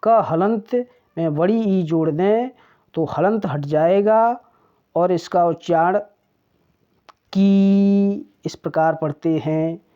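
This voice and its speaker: A teacher walks through the alphabet very slowly, drawing out each sound with care. The voice sits at a middle pitch. The recording is dull and lo-fi. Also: mellow. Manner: deliberate, drawn-out pronunciation of each sound. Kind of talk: Hindi alphabet lesson.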